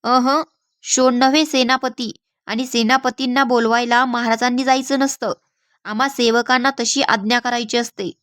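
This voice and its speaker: A woman's voice: fairly high pitch, fairly even intonation, moderate pace, fairly bright tone, no echo, clean studio sound, natural voice. A woman reading the part of a playful young boy who plays a minister in a children's game, in a teasing, mock-formal way.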